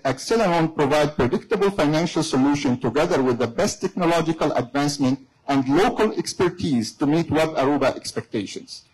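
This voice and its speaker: A man delivering a formal prepared speech as a company representative, with deliberate, halting phrasing and non-native grammar. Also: a little high, darkish tone, husky, rough recording.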